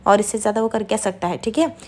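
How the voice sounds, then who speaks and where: A woman voicing a brash, loud-mouthed young husband from a TV serial, who taunts and mocks. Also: mid-range voice, expressive, quick pace, natural voice. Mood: taunting. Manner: taunting, mocking.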